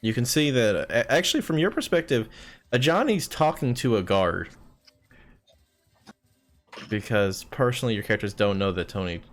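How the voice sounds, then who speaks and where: Man game master, low voice, loose sweary narration, filler words. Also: animated, moderate pace, pauses often. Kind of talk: narrating a tabletop game on a live stream.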